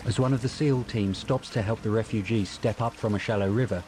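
A man reading scripted audio description for a film in a measured, descriptive manner. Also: fairly low pitch, fairly even intonation, loud music behind the voice.

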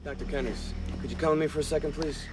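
A man's voice: fairly high pitch, steady tone, fast talker, music in the background, natural voice. An actor playing a terse, commanding male Navy SEAL lieutenant who gives clipped orders in a war film. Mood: stern, pressing. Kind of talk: film dialogue. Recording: loud film soundtrack behind.

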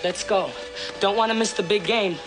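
An actor playing a rough, streetwise man who is blunt and slangy, coaxing one moment and urgent the next. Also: sits high, moderate pace, over music, natural voice. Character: rough, streetwise male tenant, pushy but able to coax.

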